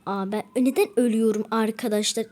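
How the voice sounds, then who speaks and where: A woman's voice: fairly high pitch, fairly even intonation, fairly quick, a little mellow. Chatty young gamer girl. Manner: chatty, keeps saying "friends", begs for subscribers; whispers to avoid waking her father. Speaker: gaming vlogger. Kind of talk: casual gameplay commentary.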